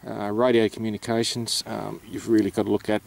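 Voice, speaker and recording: A man's voice: on the low side, level tone, a little fast, gravelly, slight background noise. A man with an Australian accent giving an informal, matter-of-fact explanation, hesitant and unscripted as he goes. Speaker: amateur radio operator presenting.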